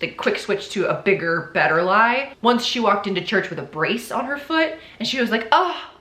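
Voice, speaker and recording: A woman's voice: fairly low pitch, a bit bright. A young woman hosting her channel, telling a true crime story in a chatty, sarcastic way with lots of "like". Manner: chatty and sarcastic, many "like" fillers. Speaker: channel host. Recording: roomy echo.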